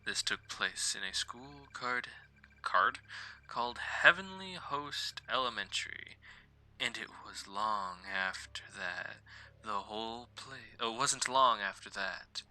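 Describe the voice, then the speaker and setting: A man's voice: fairly low pitch, expressive, slow, bright, forceful tone, slight background noise. A man streaming a horror game live, chatting casually and stumbling as he reads the on-screen text aloud. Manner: rambling, stumbles while reading text aloud. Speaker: gaming streamer. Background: faint game music.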